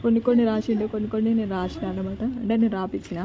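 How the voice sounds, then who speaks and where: A woman's voice: medium pitch, fairly even intonation, very fast, dull audio. A woman, vlogging casually at home and bossing her children through homework. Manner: scolding, bossy with children. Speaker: vlogger and mother. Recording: noisy home recording.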